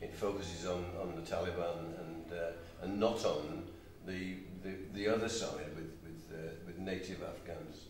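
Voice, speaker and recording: A man hosting a live interview, speaking in measured, slightly hesitant phrases. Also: sits low, steady tone. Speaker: host, interviewer. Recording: very echoey room, distant mic, faint noise.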